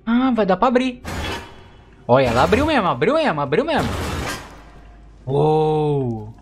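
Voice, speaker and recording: A man from Brazil giving excitable, chatty let's play commentary to his viewers. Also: on the high side, measured pace, music in the background. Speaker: gaming YouTuber.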